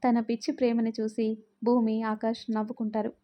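A woman narrating a romance story in a calm, even reading. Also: a little high, brisk, dull audio.

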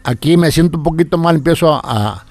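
A man's voice: a little high, expressive, a little mellow, no room sound. An older man, a radio announcer, talking in a casual interview and often stumbling and repeating words. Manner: halting, repeats words after a stroke.

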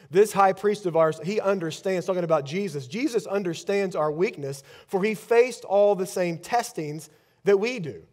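This high-pitched pastor, in his thirties, preaches into a headset mic on a large church stage. His delivery moves back and forth between loud bursts and hushed lines.

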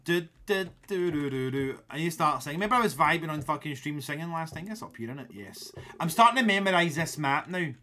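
Scottish man, sweary gaming streamer, bright tense voice, loud and excitable, headset mic. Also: fairly high pitch, fast talker, few pauses. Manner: sweary, loud and excitable, shouting when riled. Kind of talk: casual gaming stream chat.

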